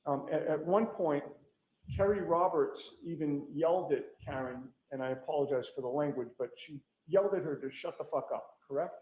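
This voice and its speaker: A man's voice: on the high side, normal speed, darkish tone. A man questioning a witness as defense attorney, firing pointed leading questions that end in "correct?". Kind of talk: courtroom cross-examination. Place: courtroom. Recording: echoey courtroom.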